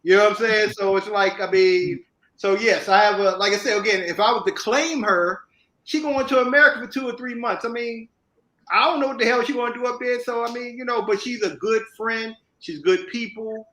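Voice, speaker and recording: A man's voice: sits high, fairly even intonation, fairly quick, bright, forceful tone, reverberant, low-quality recording. A man calling into a casual chat, hesitant with many "um"s and streetwise slang. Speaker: guest caller. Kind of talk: casual chat over a call.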